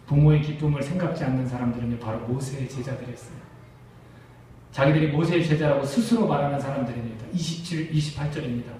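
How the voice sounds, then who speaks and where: A man's voice: medium pitch, fast talker, warm tone, slight background noise. A Korean man preaching a sermon to his congregation, emphatic and full of rhetorical questions. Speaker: pastor. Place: church sanctuary. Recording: echoey church hall, distant mic.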